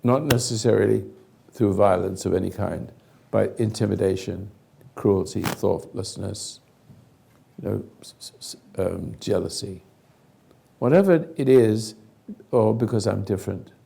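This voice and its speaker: An older man hosting a group counselling talk, with a hoarse, raspy voice that sounds like gargling, speaking earnestly in halting, emphatic phrases. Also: lowish voice, mellow, slight background noise. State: hoarse, throat-clearing. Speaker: host leading a group conversation.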